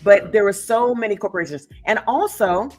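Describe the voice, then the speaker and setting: A woman's voice: mid-range voice, expressive, fairly quick, music in the background. A woman hosting a talk show and discussing as an author, in an emphatic, storytelling way with frequent asides. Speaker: podcast host and author. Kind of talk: casual discussion.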